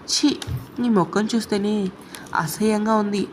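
A woman's voice: medium pitch, a little slow, darkish tone, a little hiss or hum, natural voice. A woman voicing a heartbroken young woman who is drunk and crying, her speech slurred and angry. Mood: tearful.

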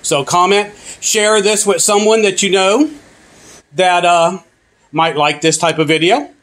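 A man with a high, slightly slow and somewhat bright voice hosts a channel and reviews a product casually in a carpeted indoor room. He demonstrates it in a plain-spoken, earnest way, repeating himself for emphasis.

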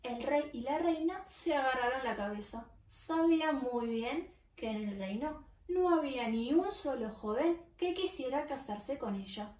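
A woman reading a children's story aloud in a clear, expressive storytelling manner with dramatic pauses. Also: high voice. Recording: roomy, far from the mic.

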